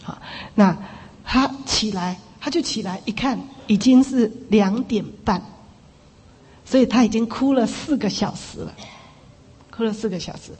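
A woman preacher telling a testimony in an animated way, dropping little "ha" fillers. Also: on the high side, unhurried, slightly rough. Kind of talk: sermon testimony storytelling. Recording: long reverb in a big hall.

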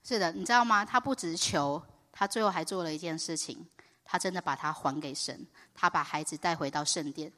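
A woman preaching and telling her own story in an excitable way, often rising to loud, high exclamations. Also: fairly quick. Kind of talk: animated sermon testimony. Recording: reverberant hall.

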